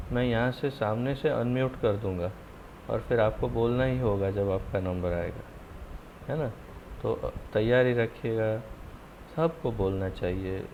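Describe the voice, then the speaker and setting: Gravelly male teacher running an online scripture class, firm and encouraging, muffled call audio with faint hiss. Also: mid-range voice.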